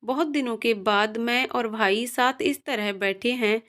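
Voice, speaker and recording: A woman voicing a caring grown daughter, calm and firm in her replies. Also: a little high, measured pace.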